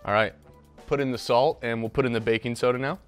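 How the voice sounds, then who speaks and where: Speaking quickly in a clean, medium-pitched voice with fairly even intonation, the young host keeps things upbeat in his home kitchen. He addresses a mascot that never answers, and his lapel mic catches faint music behind him.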